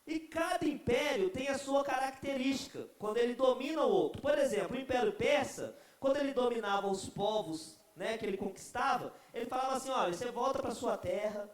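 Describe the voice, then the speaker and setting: A young man preaching to a youth group, telling a story in an animated, comic way. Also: extremely high pitch, fairly quick, few pauses. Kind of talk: storytelling sermon. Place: church. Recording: echoey church hall.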